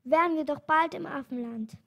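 A kindly old doctor from a children's storybook, urging his animals onward in a quick, pressing voice, as a woman reading the tale puts him on. The voice stays fairly high, barely deepened for the man. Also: gravelly, fairly bright tone. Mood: weary. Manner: urgent, pressing others on.

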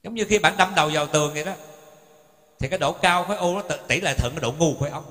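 A man's voice: a little high, fast, a bit bright. A male Buddhist monk gives a sermon, telling stories in a folksy way and speaking straight to his listeners. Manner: folksy storytelling, addresses the audience directly. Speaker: Buddhist monk teaching the Dharma. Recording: long hall reverb.

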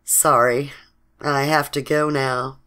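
Smug, teasing young billionaire in an audiobook, read by a woman, low and unhurried. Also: level tone, fairly bright tone, clear, resonant tone, heavily acted.

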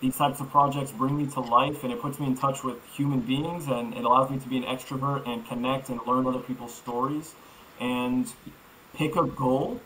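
A man's voice: mid-range voice, steady tone, normal speed, pushed and bright, poor audio. A man in his thirties from Iraq, raised in Florida, answering interview questions fluently and upbeat over a video call. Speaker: guest developer. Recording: faint ambient noise.

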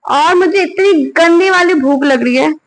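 A woman's voice: very high voice, normal speed, slight background noise, low-quality recording. A young woman, a tired and hungry mother, talking frustrated and weary straight to the camera in a casual home vlog, filmed at home at night. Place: home bedroom and kitchen at night. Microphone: phone camera on tripod.

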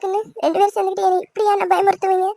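Woman as scolding young cartoon wife, squeaky-high and fast. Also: level tone, gravelly, dark tone, no room sound, clean studio sound. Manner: indignant, scolding. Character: hurt, angry young wife. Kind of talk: fan cartoon voice acting.

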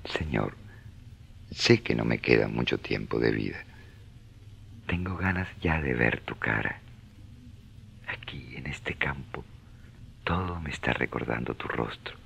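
Very deep, gravelly devout friar. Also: male voice, expressive, a little slow, pauses often, fairly bright tone, a little hiss or hum, exaggerated voice. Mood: prayerful. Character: ailing, humble, devout male friar, fervent and joyful. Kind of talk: radio serial acting.

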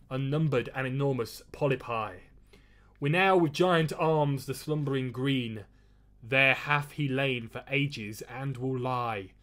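Brief: male author narrating his book, mid-pitched, measured and expressive. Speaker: author reading his own novel. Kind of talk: audiobook-style reading.

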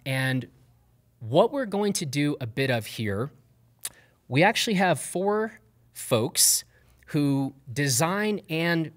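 A man's voice: medium pitch, fairly bright tone. Upbeat man moderating a live panel. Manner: upbeat, loose, with fillers. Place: stage before a live audience.

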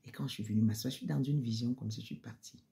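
A woman's voice: rumbling low, fast talker, creaky, dark tone. Emotional woman giving church testimony. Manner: emotional, repeats phrases, drops to near-whispers. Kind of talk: spoken religious testimony.

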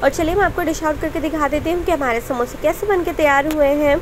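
A woman's voice: high voice, fast talker, noisy background. A woman hosting a cooking channel, narrating a recipe step by step in a voice-over with friendly tips for viewers.

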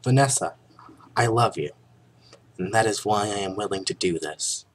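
A man's voice: lowish voice, moderate pace, close to an everyday voice. A man voicing an earnest, devoted male bee in love, making hammy declarations in a story reading. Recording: noticeable background noise.

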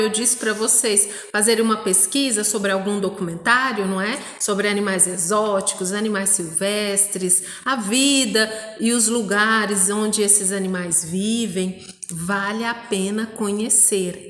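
A Brazilian Portuguese primary school teacher giving a recorded lesson to young children, spelling out syllables slowly and often checking with "não é?". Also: female voice, mid-range voice, fairly bright tone, roomy sound, big-room sound.

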